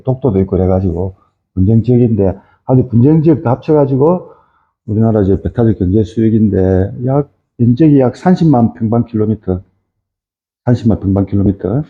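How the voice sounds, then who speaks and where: A man's voice: lowish voice, animated, fairly quick, slight background noise. A middle-aged man giving an informal lecture on fisheries, rambling with many fillers and tag questions. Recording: tinny phone-like audio.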